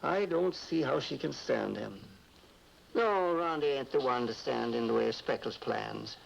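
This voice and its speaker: An actor playing an elderly, aggrieved American seafarer with a gravelly voice and a halting, folksy way of talking in a 1950s TV drama. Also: male voice, medium pitch, lively intonation. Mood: confiding. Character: wistful, aggrieved old seafaring woodcarver. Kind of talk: 1950s TV detective drama acting. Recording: muffled old TV soundtrack, faint noise.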